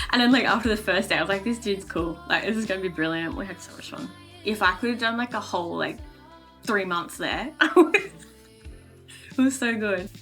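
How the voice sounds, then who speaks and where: A woman's voice: medium pitch, fairly bright tone. A chatty Australian woman, a makeup artist, in a casual interview. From Newcastle, Australia. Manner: chatty, frequent "like".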